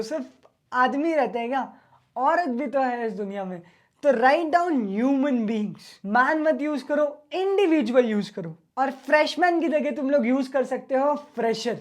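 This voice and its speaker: High-voiced casual male teacher. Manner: casual, chatty, mixes Hindi and English. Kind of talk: online exam-prep lecture.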